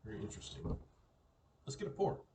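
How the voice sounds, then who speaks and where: A man casually reviewing a beer on his own, relaxed and musing, often repeating words as he thinks aloud. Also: fairly quick, distant mic, noisy background.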